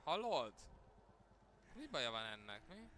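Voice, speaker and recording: A man streaming video games live, talking to his chat in an excitable way, muttering one moment and yelping the next, often cutting off curses mid-word. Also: mid-range voice, slight background noise. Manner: excitable, swings between muttering and yelping outbursts. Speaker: game streamer. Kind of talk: live gaming stream commentary.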